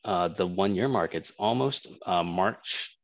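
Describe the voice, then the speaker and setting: A man's voice: low voice, unhurried, no room sound. A man in his thirties from Canada, born in Hong Kong, a startup co-founder talking casually in an interview with many fillers and restarts. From Hong Kong, raised in Canada. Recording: dull lo-fi dry sound.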